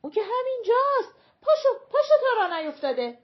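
A woman voicing a loud, harried young mother on a bus who complains shrilly in colloquial speech. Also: very high-pitched, big pitch swings, muffled recording, pitched above the performer's own voice. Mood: shouting.

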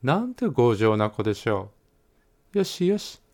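A man's voice: medium pitch, sing-song, a little slow, darkish tone. A man reading a children's story voices a mother who talks to herself about her stubborn son in a raised voice. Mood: exasperated. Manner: fussy, talking to herself. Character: scolding mother in a children's tale.

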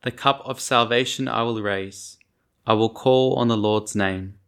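Male church lector, formal and measured, for scripture readings and psalm verses at Mass. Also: fairly low pitch, fairly even intonation, a bit bright, clear, resonant tone.

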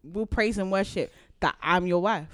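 Brief: podcast guest, South London woman, blunt and quick to laugh, dry close sound. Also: medium pitch, a bit bright, no echo. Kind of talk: casual podcast chat.

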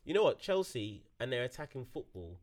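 A man's voice: medium pitch, big pitch swings, a little fast. An Englishman co-hosting a casual football podcast, thoughtful and a little nostalgic. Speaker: podcast co-host.

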